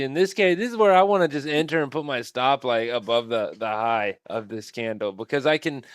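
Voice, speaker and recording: A man's voice: mid-range voice, clean tone, no echo, clean studio sound. A man hosting a live trading stream, thinking aloud at his computer in a casual, rambling way.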